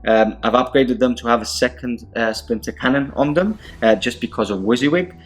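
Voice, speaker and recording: A man who speaks Spanish as his first language hosts a tabletop wargame battle report show, giving casual, unscripted rundowns. His voice sits at a medium pitch and moves a little fast.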